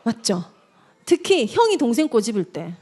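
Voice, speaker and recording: A woman evangelist giving a lively seminar lecture to parents, talking straight to the audience and acting out little scenes. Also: a little high, moderate pace, breathy edge. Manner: animated, addresses the audience directly, acts out quotes.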